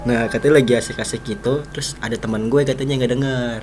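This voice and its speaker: A man's voice: medium pitch, fairly even intonation, quick pace, music in the background. A man telling a ghost story in casual chat, rambling with many restarts. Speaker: podcast co-host telling a story.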